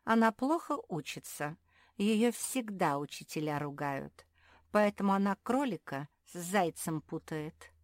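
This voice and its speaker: A woman voicing a sharp-tongued, scolding schoolgirl in a storybook reading, with a sarcastic manner. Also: on the low side, expressive, unhurried, no room sound, studio quality, pitched above the performer's own voice.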